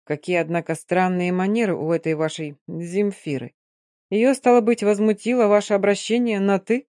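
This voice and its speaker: A woman voicing a calm, fatherly middle-aged colonel who speaks quietly and in a measured way, in an audiobook. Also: high voice, dry recording, studio quality. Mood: wry. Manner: quiet, half-voiced, measured.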